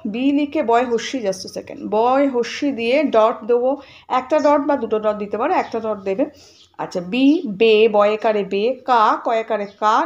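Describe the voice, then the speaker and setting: A woman's voice: high-pitched, a little mellow, dull audio. A woman teacher with a West Bengal Bengali accent, spelling out words letter by letter in a grammar lesson and often checking whether students follow. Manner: spells out letters step by step, checks in with "ঠিক আছে?".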